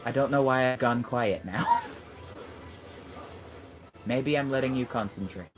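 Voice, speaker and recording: Over game music, a gamer chats casually in a let's-play, teasing the friend playing beside him and coaching him with tips. His voice is mid-range and a little slow.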